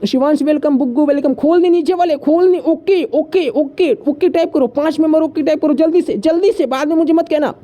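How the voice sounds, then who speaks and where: A man hosting a live app room, rattling off welcomes, rhyming banter and orders to the members. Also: very high voice. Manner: fast teasing patter, rhyming banter, shouts orders. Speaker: live stream host.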